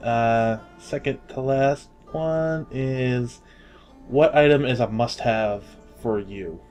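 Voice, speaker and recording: A man's voice: mid-range voice, slow pace, darkish tone, faint music behind. Joking podcast host, man. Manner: jokey, laughs often, trails off with fillers. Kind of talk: casual gaming podcast chat.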